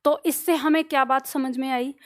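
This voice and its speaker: High-voiced woman teaching a Hindi lesson. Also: steady tone. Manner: explains step by step, asks the class questions and answers them; slows down and drags out letter sounds to demonstrate pronunciation. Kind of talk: online exam-prep lesson.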